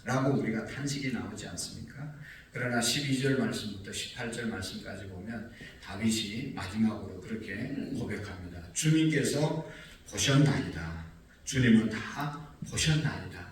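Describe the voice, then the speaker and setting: A man's voice: on the low side, fairly quick, a little hiss or hum. A man preaching an early-morning sermon as pastor, earnest and rising in emphasis when he quotes scripture. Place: church sanctuary. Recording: echoey distant mic with faint ambience.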